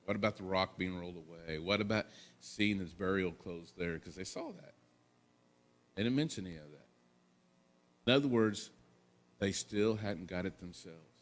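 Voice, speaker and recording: A man's voice: low voice, moderate pace, pauses often, a bit bright. A man pastor giving a sermon in a conversational tone, asking the congregation rhetorical questions and adding casual asides.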